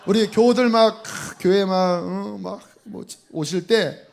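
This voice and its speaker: A male pastor preaching a sermon in a church. He talks in an animated way, acting out faces and voices, with many fillers. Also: high-pitched, slow pace, vocal fry.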